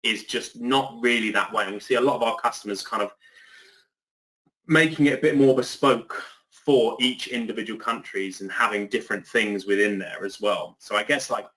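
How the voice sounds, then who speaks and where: An Englishman joins a webinar as a guest over a video call, talking in a chatty, loose way with lots of fillers and restarts. His voice is lowish, pushed and bright, at a normal speed, and the recording is rough.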